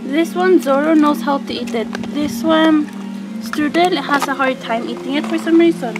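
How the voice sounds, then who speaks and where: A woman's voice: high-pitched, moderate pace, over loud music, rough recording. A young woman vlogging casually outdoors, playful and giggly, tossing in Spanish farewells. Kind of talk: casual vlog chat. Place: outdoors at a house with dogs.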